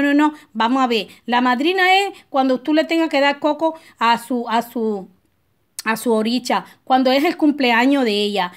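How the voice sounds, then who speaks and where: High-voiced woman giving chatty spiritual advice. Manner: chatty and preachy, with frequent tag questions; digressive, with restarts and personal anecdotes. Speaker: spiritual advisor teaching a ritual. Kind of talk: casual spoken advice talk.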